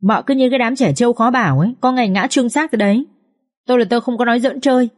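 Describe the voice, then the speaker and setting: A woman's voice: a little high, animated, racing, voice pushed up. A woman voicing a stern young master who teases his wife in a dry tone in an audiobook. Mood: teasing. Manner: dry, teasing. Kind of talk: audiobook character reading.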